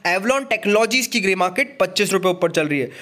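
Voice-over host, male, high register, fast repetitive explainer style. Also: lively intonation, pushed and bright. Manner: fast, repetitive explainer, many English terms. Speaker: finance channel host. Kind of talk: screen-recorded tutorial narration. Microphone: voice-over on screen recording.

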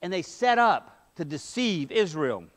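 A middle-aged male pastor preaching from the front of a mid-sized church. His voice sits unusually high for a man, and he presses his points with emphatic rhetorical questions. He speaks through a headset mic. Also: big pitch swings, a little slow, a bit bright. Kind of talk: sermon. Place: church sanctuary, medium-sized, indoors.

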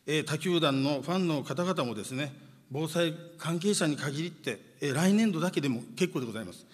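A man with a fairly high voice delivers a formal speech at a podium, measured and punctuated by long hesitation sounds. His words ring out with a long hall reverb. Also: animated, husky. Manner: measured, with frequent drawn-out "eh" fillers. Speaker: city mayor giving a speech. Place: large conference hall.

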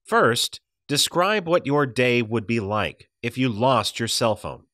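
A man narrates a devotional audiobook unhurriedly, with measured, deliberate enunciation. His pitch swings lively across phrases, and the recording is dry and close with no room sound or reflections.

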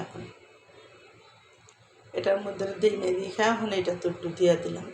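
Woman, hoarse from a cold, casual cooking vlog, chatty step-by-step, flat delivery, echoey room. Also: mid-range voice, a little hiss or hum. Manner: chatty, repeatedly tells viewers to look. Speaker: cooking vlogger.

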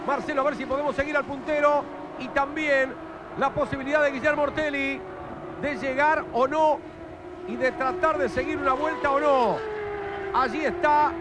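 A man with an Argentine accent giving urgent, excitable live motorsport commentary, often repeating his phrases as the race's lead commentator. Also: very high voice. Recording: loud engine and track noise behind.

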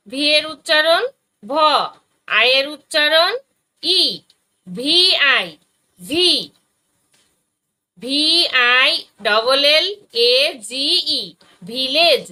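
Lady teacher spelling out letters sound by sound, high voice, really slow. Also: lively intonation, sharp tone, low-quality recording. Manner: spells out letters and sounds one by one, patient and deliberate. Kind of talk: slow phonics lesson for young children.

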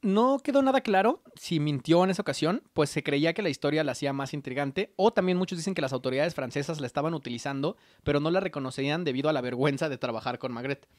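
Speaking fast with hardly any pauses, a young man in a slightly high voice narrates a casual history podcast, no echo in the sound. He has a Mexican Spanish accent, reads from notes with slangy asides, and records on a desk mic on an arm, wearing headphones, in a small home studio with colorful shelves.

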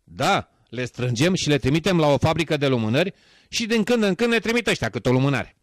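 A man's voice: a little high, lively intonation, no echo, close to an everyday voice. A man putting on the voice of a thrifty older male rabbi who answers questions patiently and matter-of-factly. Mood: sly.

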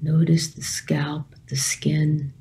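A woman meditation teacher guides a meditation calmly and gently in a voice that sits low, speaking in short phrases separated by long pauses.

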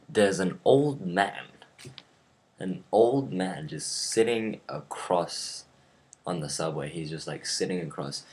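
A man's voice: deep voice, husky. A teenage boy ranting casually to his camera as a vlogger, rambling with lots of ums and false starts. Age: teens.

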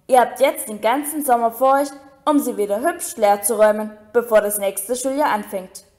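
A woman's voice: on the high side, moderate pace, darkish tone, lightly acted. A woman reading aloud as a cheerful, playful old headmaster giving a grand speech. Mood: jovial. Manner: jovial, grand.

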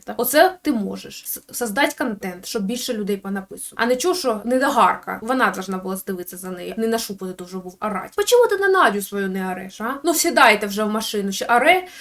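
A woman's voice: a little high, fairly bright tone. A woman giving sarcastic, crude, scolding gossip commentary on bloggers.

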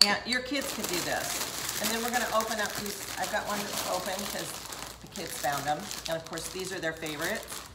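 An older woman hosts a casual cooking demonstration in her home kitchen, chatting straight to viewers as she works. The sound bounces around the room with clear background noise under her voice. She is recorded from a camera set back across the counter. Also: on the low side, moderate pace, reverberant. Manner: chatty, talks straight to viewers while working. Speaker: cooking show host.

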